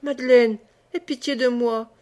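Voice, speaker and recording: Lady reading as a worn out peasant mum, hushed and weary, begging for rest, fairly high voice. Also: fairly even intonation, measured pace, close to an everyday voice. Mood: pleading. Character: exhausted, desperate peasant mother pleading.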